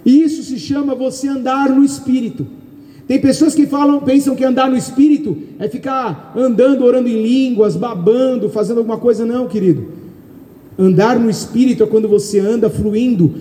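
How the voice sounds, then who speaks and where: High-voiced Brazilian preacher in echoey hall. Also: male voice, brisk. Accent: Brazilian Portuguese. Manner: loud, calls out questions to the congregation. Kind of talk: sermon. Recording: echoey hall, long reverb.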